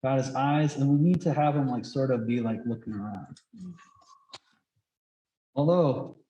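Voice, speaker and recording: A drawing instructor talks through a face mask, thinking aloud casually as he teaches in a rambling, chatty way full of "like." His voice is warm and medium-pitched at a measured pace, and the recording sounds echoey and roomy.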